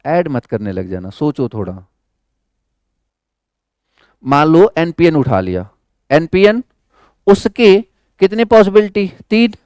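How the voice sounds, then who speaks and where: A man gives an electronics lecture in a high, smooth voice. He keeps asking the class questions and answering them himself, switching into English for the technical words. The recording is close and dry. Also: big pitch swings, slow, long pauses, darkish tone, dry recording. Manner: quizzes students with repeated questions; mixes English terms into Hindi. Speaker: electronics teacher.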